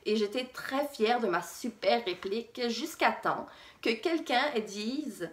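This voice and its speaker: A young vlogger from Réunion, whose accent blends French and Québécois, tells a personal story to camera in a casual, conversational way with frequent hesitations. Her voice sits on the high side, animated and slow, with a reverberant sound.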